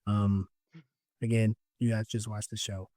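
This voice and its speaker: A man's voice: lowish voice, little pitch movement, measured pace, dark tone, no room sound. Man with a dry, close sound retelling an episode, joking. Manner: joking, slangy retelling with asides to listeners. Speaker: podcast host. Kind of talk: casual episode recap.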